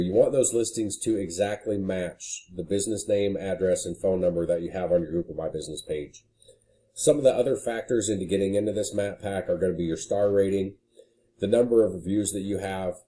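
A man with a low, dark voice casually walks through a screen recording as a marketing consultant. He fills his talk with frequent "you know"s.

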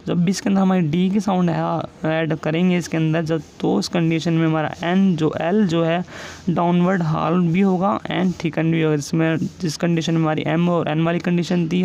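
A man teaching shorthand, explaining each rule step by step and patiently repeating every example word slowly. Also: a little high, vocal fry, darkish tone. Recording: dull lo-fi sound with faint hiss.

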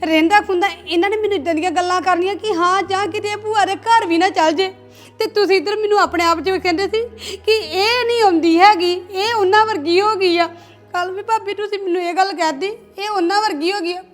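An actress playing a young married woman in a family drama, tearful and pleading, over soft background music. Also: very high-pitched. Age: young adult.

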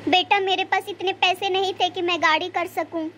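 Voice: very high-pitched, level tone, normal speed, bright, forceful tone, a little hiss or hum. A performer voicing a tired widowed old mother-in-law in a cartoon, begging and tearful. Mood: weary. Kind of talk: cartoon voice acting.

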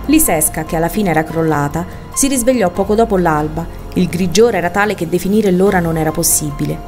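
A woman reads a novel aloud in a fairly low voice, measured and expressive. Faint music plays softly beneath her narration. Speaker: audiobook reader. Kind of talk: literary audiobook narration.

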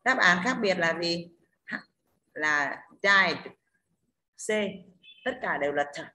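Her voice sits on the low side yet sounds bright and forceful, with lively intonation and a slow pace. She is a Northern Vietnamese-accented English teacher holding an online class, stepping through pronunciation rules and repeatedly asking "đúng không?".

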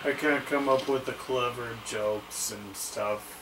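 Slow-talking, exhausted young man, far off. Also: mid-range voice, very noisy. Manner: crude joking, swearing. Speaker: co-player. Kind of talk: casual gameplay banter. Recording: distant mic. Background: loud game music.

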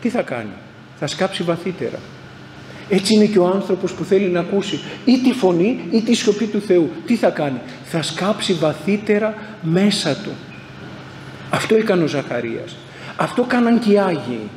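A male priest with a high-pitched voice delivers a sermon, asking questions and answering them himself, stacking up repeated phrases for emphasis. His voice rings through a large, echoing church with a long reverb tail. A faint hum sits behind him. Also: expressive, darkish tone. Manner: rhetorical, asks and answers his own questions; builds emphatic repeated lists. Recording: echoey church hall, faint background hum.

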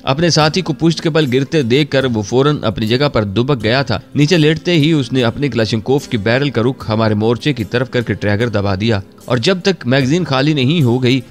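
Male storyteller, mid-pitched, steady scripted narration over faint music. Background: faint background music.

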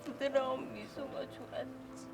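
A woman's voice: high voice, fairly even intonation, measured pace, creaky. An actress playing a drunk, lovelorn young woman in a romantic comedy film, weepy and silly, slurring and rambling. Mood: weepy, heartbroken. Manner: rambling, whiny, dragging out words. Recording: film scene with music and rain behind.

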